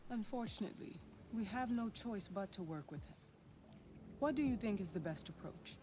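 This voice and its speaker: An actress playing a cool, authoritative handler of an android detective, speaking deliberately over game music. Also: female voice, medium pitch, animated, background noise, lightly acted. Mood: commanding. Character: cool commanding artificial handler woman. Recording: game audio with music behind.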